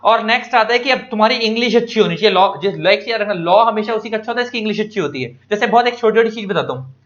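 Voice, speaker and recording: Animated high-voiced male law tutor. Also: fast talker, lo-fi sound. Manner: animated, repeats key points, mixes English terms into Hindi. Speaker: law teacher. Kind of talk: informal exam-prep lecture.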